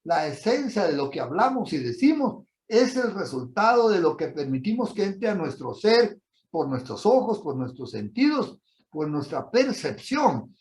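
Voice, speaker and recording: A man's voice: sits high, very animated, unhurried, darkish tone. A man preaching a sermon, telling a personal story and then asking listeners emphatic rhetorical questions.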